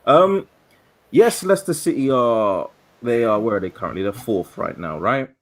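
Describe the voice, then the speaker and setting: A man's voice: medium pitch, animated, moderate pace. A man on a remote call to a football podcast, running through scores and standings and thinking aloud. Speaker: podcast guest. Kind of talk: casual football chat. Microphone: remote call with dropouts.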